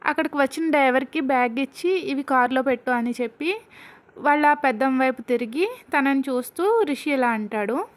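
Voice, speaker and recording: A woman's voice: high-pitched, moderate pace. A young woman retelling a serial story in a chatty, casual way, addressing listeners with asides and jokes.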